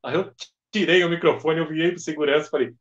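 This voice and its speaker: Animated man telling a story. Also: a little high, fast. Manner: animated storyteller acting out dialogue. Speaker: event organizer guest. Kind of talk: casual podcast storytelling. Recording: dull lo-fi podcast audio.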